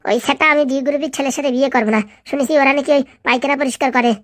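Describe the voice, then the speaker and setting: A headstrong cartoon granddaughter who argues back at her grandfather. Her retorts come high and very fast, in a dry, close recording. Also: steady tone, fairly bright tone, dry recording. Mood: arguing. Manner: argumentative, rustic village speech. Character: headstrong young village granddaughter. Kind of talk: cartoon comedy dub.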